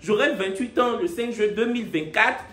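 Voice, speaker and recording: A man's voice: sits high, echoey room. A man in his twenties talking animatedly in a casual storytime vlog. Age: 20s. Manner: animated, switches between French and slow deliberate English. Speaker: vlogger.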